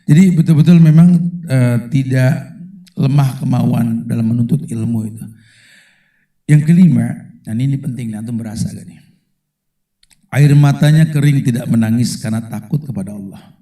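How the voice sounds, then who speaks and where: A man preaching a casual, slangy sermon, animated and acting out the people he quotes. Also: medium pitch, moderate pace, long pauses, reverberant. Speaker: Islamic preacher.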